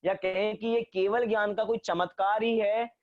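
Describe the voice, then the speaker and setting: A man's voice: high voice, flat delivery, moderate pace, no echo. A man teaching a religion class, explaining step by step and asking himself questions before answering them. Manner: asks and answers his own questions. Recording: dull dry recording.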